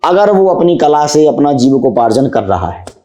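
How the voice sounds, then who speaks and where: A young man being interviewed as a poet, who talks fast and recites his verse in a rhythmic, declaiming way. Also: mid-range voice, sing-song, warm tone. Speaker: poet guest. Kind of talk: casual interview chat with poetry recitation.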